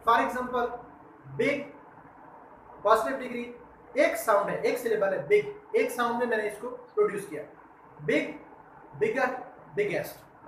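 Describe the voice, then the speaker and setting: A teacher explains grammar, repeatedly asking a question and then answering it. The voice sits at a middle pitch. It sounds roomy, with a faint hum of noise behind it. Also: a bit bright. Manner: poses questions to the class and then answers them. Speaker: English teacher. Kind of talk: grammar lesson.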